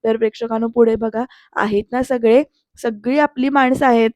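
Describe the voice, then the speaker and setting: A woman's voice: on the high side, fairly even intonation, normal speed, a little mellow, dry recording, studio quality. A woman narrating a voice-over episode recap of a TV serial, chatting directly to her viewers. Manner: chatty storyteller addressing viewers. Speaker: serial reviewer.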